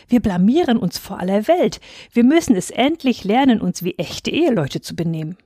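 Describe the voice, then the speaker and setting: A woman's voice: mid-range voice, big pitch swings, normal speed, dark tone, dry recording, clean studio sound. A woman reading aloud who voices a flustered, eager young newlywed man in a storybook, stumbling over his words.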